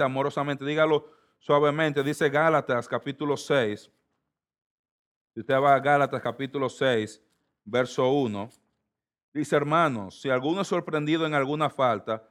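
A middle-aged man from the Republic, preaching a sermon with emphatic swings between loud and soft delivery. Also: a little high. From Dominican Republic. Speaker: pastor.

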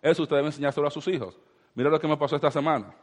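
A man's voice: on the high side, rapid-fire, big-room sound. A man in his thirties preaching a sermon as pastor, asking the congregation rhetorical questions.

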